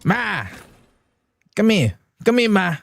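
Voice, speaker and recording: A brash, yelling New Jersey man with a thick accent, put on by a male streamer. He pushes his voice well above his normal range and exclaims every line. Faint music plays underneath. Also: sits high, very animated, takes it slowly, creaky, pitched above the performer's own voice, heavily acted.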